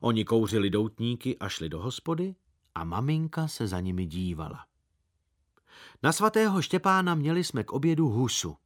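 Man narrating a story with lively intonation. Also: medium pitch. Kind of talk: scripted narration.

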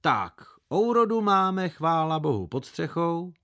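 A man's voice: sing-song, fairly bright tone. A man doing a boy playing a pompous farmer. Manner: speaks in a put-on low voice, pompous.

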